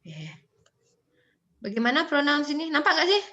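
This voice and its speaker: A woman's voice: high voice, very animated, moderate pace, pushed and bright, lo-fi sound. A woman lecturing on English phonology in a casual online class, chatty and joking with students, mixing in English terms.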